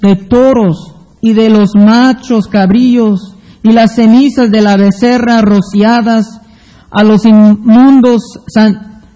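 High-voiced man preaching slowly. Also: fairly even intonation, warm tone. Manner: slow, deliberate preaching, reads Bible passages aloud. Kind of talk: sermon with scripture reading. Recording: long hall reverb.

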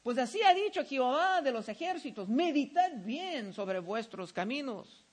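Middle-aged male pastor, very high voice, sermon reading with anecdotes. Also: normal speed. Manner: lively storytelling, says he was shouting.

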